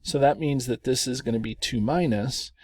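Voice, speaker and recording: A man's voice: mid-range voice, moderate pace, darkish tone, slightly rough, no echo, studio quality. A man teaching chemistry through worked examples, chatty and self-correcting, chuckling at the long names.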